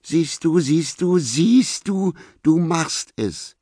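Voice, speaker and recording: A man voicing a shrill, furious woman who screeches accusations at her partner in an audiobook. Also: expressive, slow pace, mellow, no echo, studio quality. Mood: shrill accusing. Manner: screeching, hysterical. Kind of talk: audiobook character voice.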